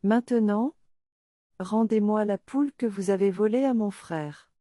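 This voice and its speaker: A woman's voice: mid-range voice, measured pace, mellow, no echo, studio quality, natural voice. A woman voicing Jean, a bold young man in a storybook tale who makes firm demands.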